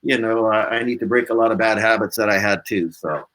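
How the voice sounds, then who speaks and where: A musician appearing as a talk show guest tells stories in a rambling, easygoing way during a casual interview. He has a fairly low, somewhat bright voice and speaks briskly, and the recording is rough.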